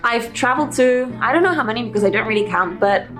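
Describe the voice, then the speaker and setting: A young woman from Poland, raised in England, telling travel stories in an animated vlog from her living room. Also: on the high side, quick pace, faint music behind. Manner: bubbly, animated storytelling. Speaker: travel YouTuber.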